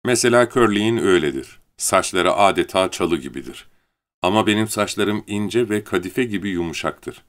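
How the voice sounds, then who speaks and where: A man's voice: deep voice, animated, moderate pace, fairly bright tone. A man voicing a lonely, vain young farm wife who speaks in a coaxing tone with a lightly raised voice.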